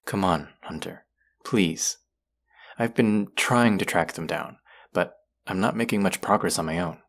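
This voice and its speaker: In an intimate audio drama, a man plays a young male vampire whose low, gravelly voice crackles with vocal fry in its deep register. Earnest with a wry, protective streak, he pleads sincerely here, speaking a little slowly in an exaggerated way.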